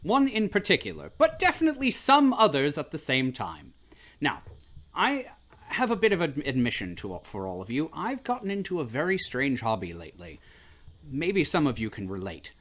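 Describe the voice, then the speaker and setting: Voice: mid-range voice, wildly swooping pitch, normal speed, a bit bright. A host talking casually on a livestream in a wry, chatty, theatrical way.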